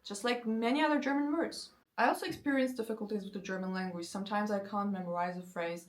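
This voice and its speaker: Speaking to camera in a mid-range voice, a native Turkish speaker from Turkey in her 20s explains language learning in an easygoing, animated way. Whenever she reaches an example sentence, she slows down to spell it out.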